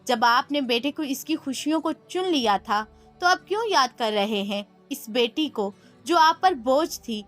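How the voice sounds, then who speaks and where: A woman's voice: high voice, lively intonation, a bit bright, faint music behind. A woman voicing a hurt young mother who speaks coldly and accusingly, read out in a storybook. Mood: bitter. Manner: cold and accusing.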